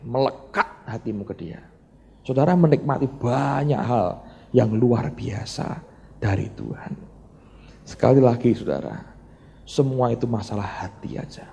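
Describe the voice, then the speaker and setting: A Javanese-accented male pastor preaches a sermon with a gravelly, dark timbre. He swings between loud bursts and hushed asides. The sound rings out through a reverberant church hall. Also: mid-range voice, highs cut off.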